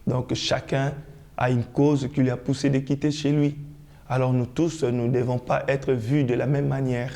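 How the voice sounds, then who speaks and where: A man speaks deliberately in an interview, explaining his point step by step. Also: medium pitch, level tone, gravelly, warm tone. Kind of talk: testimony interview.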